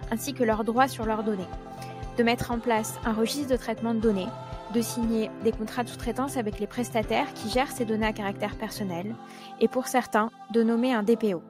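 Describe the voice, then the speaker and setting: Higher-pitched woman narrating an explainer. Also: a little mellow.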